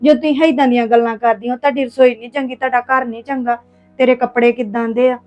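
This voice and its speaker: A woman's voice: a little high, fairly even intonation, quick pace, darkish tone, faint music behind, natural voice. A young woman playing a girl from a poor home in an amateur family drama, earnest and pleading. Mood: hurt.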